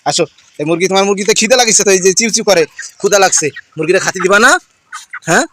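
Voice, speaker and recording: A man's voice: high voice, fast talker, a bit bright. A man teasing a child and talking to viewers in a playful family vlog. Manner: teasing, addresses viewers directly. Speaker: vlogger filming a child.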